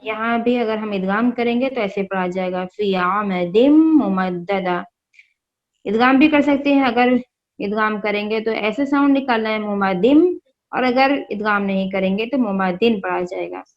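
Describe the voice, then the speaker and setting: A woman teaching Quran reading, spelling out each word letter by letter and explaining the rules in a slow, patient way. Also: fairly high pitch, muffled recording.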